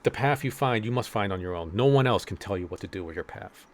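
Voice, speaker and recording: Male game master, lowish voice, halting narration full of ums. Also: animated. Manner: hesitant, many fillers and restarts.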